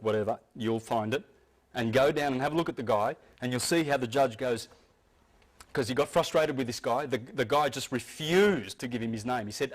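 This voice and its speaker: A man speaks to a live audience in an informal, insistent lecture. He often stumbles and doubles back on his words, then presses on. His voice sits at a middling pitch.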